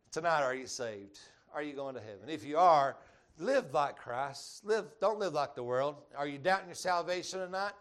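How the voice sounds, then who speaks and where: A middle-aged male preacher speaks in a rural Georgia drawl, pitched a little high for a man. His evangelical delivery is folksy and plain-spoken, built on repetition and direct questions to his listeners. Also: expressive, unhurried, a bit bright. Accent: Southern US, rural Georgia. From Georgia, United States. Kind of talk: evangelical sermon with altar call.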